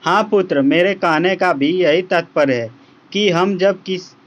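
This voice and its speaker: A man voicing a wise old guru, patient and affectionate, counselling disciples in gentle, measured, formal phrases. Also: sits high. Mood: earnest, wise. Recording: dull lo-fi audio under prominent music. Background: music.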